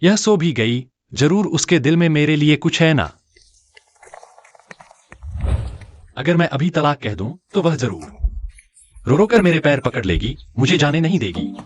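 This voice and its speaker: A man's voice: fairly high pitch, big pitch swings, moderate pace. A man voicing an arrogant, bossy young rich husband in a dubbed drama. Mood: smug. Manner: smug, bossy, sometimes pleading. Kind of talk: Hindi drama dubbing.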